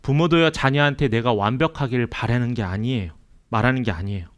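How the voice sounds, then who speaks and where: A man's voice: mid-range voice, fairly quick. A man preaching a Sunday sermon as pastor, earnest, asking his congregation questions and acting out quoted lines. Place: church sanctuary.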